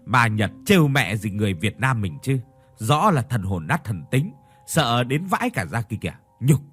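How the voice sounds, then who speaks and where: A male narrator voices a blunt young man who brushes off fear with mockery. His husky voice swoops widely as he sneers. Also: medium pitch, big pitch swings, normal speed, fairly bright tone, soft background music. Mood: scornful. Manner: mocking, blunt.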